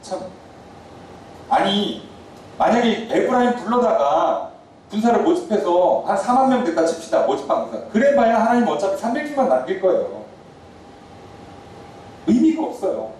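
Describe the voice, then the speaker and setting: A man's voice: high voice, big pitch swings, moderate pace, long pauses, a little mellow, far from the mic, slight background noise. A male pastor preaching a sermon, telling the story vividly and acting out a heated quarrel in the characters' voices. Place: church sanctuary. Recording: echoey church hall, mic from afar.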